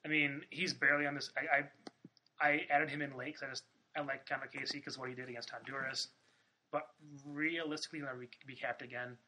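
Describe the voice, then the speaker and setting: A man's voice: mid-range voice, little pitch movement, fast, sharp tone, slight background noise, poor audio. A man hosting a casual sports podcast, talking loosely with lots of fillers and swearing. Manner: loose, profane, filler-heavy. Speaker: podcast host.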